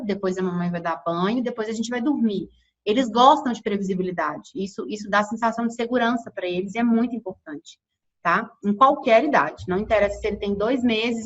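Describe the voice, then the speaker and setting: A woman with a Brazilian Portuguese accent teaches an online workshop as an infant sleep consultant. Her voice sits a little high, and she talks in a loose, conversational way with frequent tag questions. The recording sounds somewhat dull and lo-fi.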